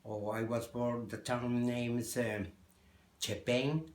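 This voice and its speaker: Slow Peruvian man, halting English. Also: mid-range voice, little pitch movement, roomy sound. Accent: Peruvian Spanish. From Peru. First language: Spanish. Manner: halting, searching for English words. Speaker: guest guitarist. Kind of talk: interview conversation.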